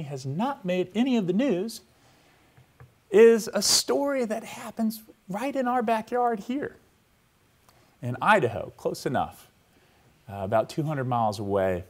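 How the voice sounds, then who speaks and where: In a lecture hall, a man with a fairly high voice gives a university lecture to a live audience. His style is conversational; he checks in with the room regularly and guides listeners through a scene he asks them to imagine.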